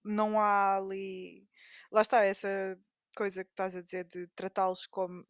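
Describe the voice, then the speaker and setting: A woman's voice: medium pitch, monotone, normal speed, smooth, no room sound, studio quality. A young adult woman with a European Portuguese accent, co-hosting a casual podcast, speaking in a reflective, hesitant way. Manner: reflective, hesitant, many fillers. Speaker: podcast co-host. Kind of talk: casual chat.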